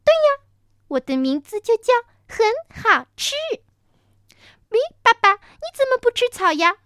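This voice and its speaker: Woman doing a sweet squeaky baby dinosaur. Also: big pitch swings, a little slow, no room sound, clean studio sound, heavily acted. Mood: eager. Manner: high bright childlike calling. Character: small sweet baby ankylosaurus, trusting and clingy. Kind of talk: storytelling performance.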